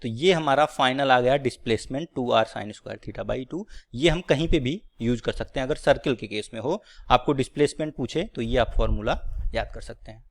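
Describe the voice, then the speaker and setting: A man teaches a physics lecture in a plain mid-range voice. He works through each step of a derivation at the board. He pauses often to check that his students are keeping up. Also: medium pitch.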